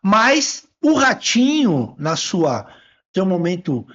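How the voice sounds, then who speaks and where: A man's voice: high-pitched, sing-song, slow, fairly bright tone, dull audio. A man hosting a podcast interview in a studio, chatty and friendly as he asks questions. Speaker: podcast host. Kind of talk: casual interview chat.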